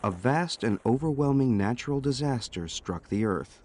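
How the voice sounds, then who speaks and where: A man's voice: medium pitch, animated, moderate pace, very noisy. A man giving a scripted, dramatic nature documentary narration in the manner of a storyteller. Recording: music under the voice. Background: music.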